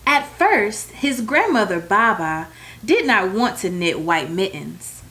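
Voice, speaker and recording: With a mid-range voice, a woman reads a bedtime story to children, using deliberate, expressive phrasing aimed at young ears. There is a little hiss or hum on the recording.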